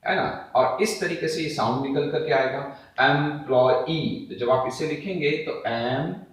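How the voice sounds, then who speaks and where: A man teaching English syllables in Hindi as a video lesson, talking to viewers as friends, asking and answering his own questions, drawing example words out slowly. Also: on the high side. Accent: Indian, speaking Hindi. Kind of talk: classroom-style video lesson. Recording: very echoey room, voice from a distance.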